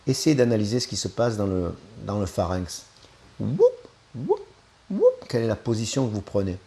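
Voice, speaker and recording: A man's voice: lowish voice, quick pace, warm tone, husky. A man giving a singing lesson, explaining vocal technique step by step and tagging his points with little asides. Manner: explanatory, with frequent "hein" tags. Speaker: singing teacher.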